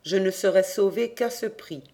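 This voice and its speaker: An audiobook reader voicing a dead young man risen from his grave, who speaks in a loud, urgent and commanding voice. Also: mid-range voice, moderate pace, vocal fry, lightly acted. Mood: grave insistence.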